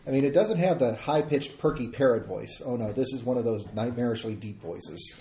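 A man's voice: mid-range voice, fairly quick, dark tone. A man playing a tabletop game, chatting casually in a wordy, explanatory way. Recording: echoey room, noisy, clicks.

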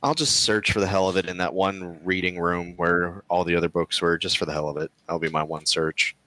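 A man's voice: low voice, level tone, brisk, bright, forceful tone. A man playing in a tabletop game, talking hesitantly and thinking aloud. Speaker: player. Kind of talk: casual tabletop game chat.

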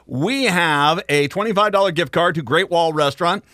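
A man hosting a radio talk show, speaking in an animated, conversational and emphatic way. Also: a little high, normal speed, no room sound, clean studio sound. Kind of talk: live radio talk and news commentary.

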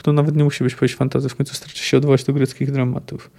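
A man's voice: medium pitch, flat delivery, racing, gravelly, warm tone. A man hosting a book review podcast, talking in a thoughtful, analytical way and often searching for words. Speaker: podcast host.

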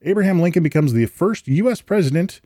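A man's voice: high-pitched, animated, fast, mellow. A man hosting a live podcast, reading out date trivia and slipping in corny jokes and puns. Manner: jokey, punny asides. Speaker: podcast host.

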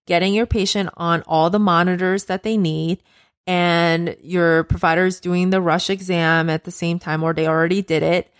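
A nurse educator hosting a podcast speaks in a lowish voice, recorded clean in a studio with no echo. Her lecture explains steps plainly and matter-of-factly, guiding the listener directly as "you."

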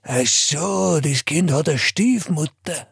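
A patient, fussy pharmacist, put on by a male reader, speaks in a husky, gravelly voice. He stays polite and rattles off long chemical names. The reading sounds dry and close. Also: fairly high pitch, slow, no room sound, heavily acted.

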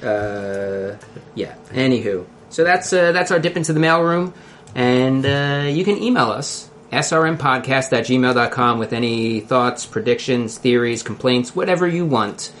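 A man with a Philadelphia accent hosting a casual podcast in a halting, loosely scripted way. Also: medium pitch, animated, fairly bright tone, a little hiss or hum. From Philadelphia area, United States. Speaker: podcast host.

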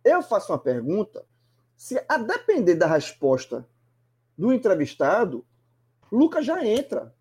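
Husky, lively sports commentator. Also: mid-range voice, measured pace. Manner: animated, emphatic, many restarts. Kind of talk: casual sports talk.

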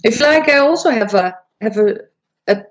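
A woman who is a voice and persuasion coach, explaining to an interviewer, with frequent restarts and high and low demonstrations. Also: lively intonation, moderate pace, slight background noise, poor audio. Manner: demonstrates pitch shifts, squeaky high then low voice. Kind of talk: interview conversation.

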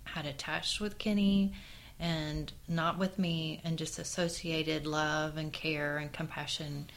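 A woman with a lowish voice tells personal stories as co-host of a casual chat. She talks in an earnest, heartfelt way and often pauses on fillers. Her delivery stays sincere and conversational. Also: flat delivery. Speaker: co-host, mother.

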